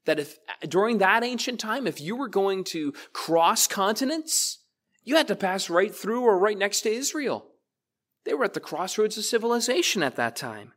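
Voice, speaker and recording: A pastor with a high-pitched, fairly bright voice preaches a sermon in church. He talks to his congregation directly and casually, in a conversational way.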